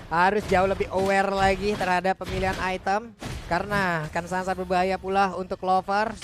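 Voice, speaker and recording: A man's voice: sits high, little pitch movement, fairly quick, noisy background. A man giving casual, slangy esports commentary in a bantering, colloquial way.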